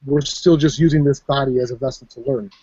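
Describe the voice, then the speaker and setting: A man's voice: mid-range voice, steady tone, fairly quick, warm tone, dry recording. A man from Minnesota in casual chat, talking brashly and profanely, rambling about big ideas. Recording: dull, lo-fi voice chat.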